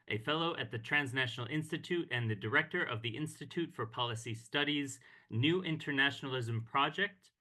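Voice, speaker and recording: A man speaking as director of a peace organization, giving a formal, measured talk on a video call. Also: mid-range voice, bright, forceful tone. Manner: formal, measured delivery with occasional hesitations. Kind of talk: online meeting speech. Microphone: computer mic on a video call.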